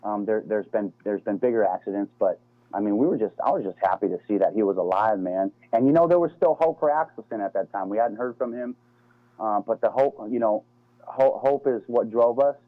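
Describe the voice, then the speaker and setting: A middle-aged American man, formerly a Navy SEAL, is a guest talking casually on the phone and calling the host "man" and "dude." He speaks a little fast in a lowish voice over a tinny, dry line with no room sound.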